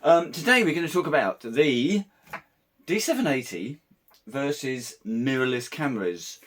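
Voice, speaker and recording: A man with a slightly croaky throat talks through a camera comparison in a relaxed, meandering way. His pitch sits in an ordinary middle range, and he sounds like a working wedding photographer chatting to his viewers. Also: unhurried. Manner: conversational, meandering. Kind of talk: casual camera review vlog.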